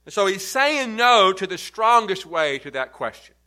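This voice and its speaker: Bright, high-pitched, slow-preaching man. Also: sing-song. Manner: emphatic, building to forceful repeated negations. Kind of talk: sermon.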